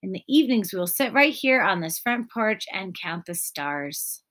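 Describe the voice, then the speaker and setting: A woman's voice: medium pitch, big pitch swings, normal speed, fairly bright tone. A woman voicing an eager, cheerful male frog from a storybook, coaxing and calling to his friend. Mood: coaxing, hopeful.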